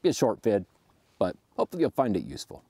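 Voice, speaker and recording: A man's voice: on the low side, huge pitch swings, fast talker, mellow, breathy edge, no echo. A man in his thirties giving casual, laid-back camping tips outdoors at a wooded campsite. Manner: laid-back, chatty, talks to his dog. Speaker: overlanding vlogger. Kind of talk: casual how-to vlog.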